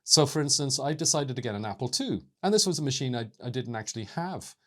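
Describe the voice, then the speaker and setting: A man, explaining at an even, measured pace as host of his own channel, with small hesitations. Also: medium pitch. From South Wales. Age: 50s. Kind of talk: scripted talk to camera.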